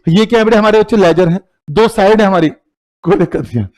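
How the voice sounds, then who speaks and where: A man's voice: sits high, fast talker, a little mellow. A man with an Indian accent teaching accounting in a live classroom, teasing and quizzing students with call-and-response questions.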